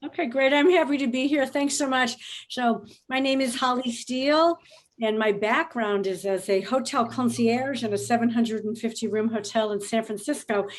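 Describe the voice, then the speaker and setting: A woman's voice: fairly high pitch, moderate pace, slight background noise. A middle-aged woman speaks as a guest on a conference panel. She sounds enthusiastic and passionate, with a few ums along the way. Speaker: hospitality trainer and author. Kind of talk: conference panel self-introduction.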